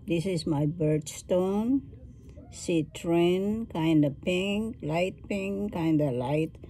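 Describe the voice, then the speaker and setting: A woman hosting a craft tutorial speaks in a low, mellow voice with a very slow, unhurried delivery, thinking aloud as she works with her hands. Faint noise sits behind her.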